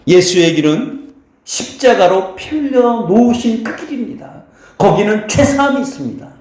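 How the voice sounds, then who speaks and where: A man's voice: high voice, animated, normal speed, darkish tone. A male pastor preaches in a church sanctuary, and his voice rises and falls widely as he goes. He keeps asking his listeners questions and answering them himself, and he turns to bless the congregation again and again. The sound rings through a very echoey church hall. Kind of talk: sermon.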